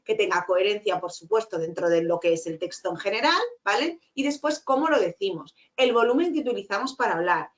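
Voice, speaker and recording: Middle-aged woman lecturer, rapid but clearly articulated, slightly dull lo-fi class recording. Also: medium pitch. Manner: fast-talking with frequent "¿vale?" tags. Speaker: teacher. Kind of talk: online lecture.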